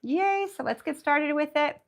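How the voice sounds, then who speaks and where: A woman leads a casual nail art tutorial in a bubbly, excitable way. Her voice is raspy and gravelly because she is under the weather, and it sits a little high. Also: normal speed. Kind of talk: casual live tutorial chat.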